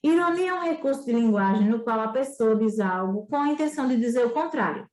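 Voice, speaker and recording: A woman's voice: on the high side, animated, fast, a little mellow, echoey room. A woman teacher with a northeastern Brazilian accent, explaining a remote school lesson with frequent tag questions. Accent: Brazilian Portuguese, northeastern.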